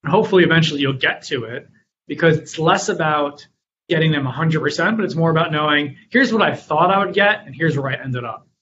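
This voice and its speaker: A man's voice: on the high side, a little fast, fairly bright tone, muffled recording, slight background noise. A man answering interview questions about running his company and telling stories from his business. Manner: storytelling, acts out his own past lines with rising energy. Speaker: guest, company founder and author.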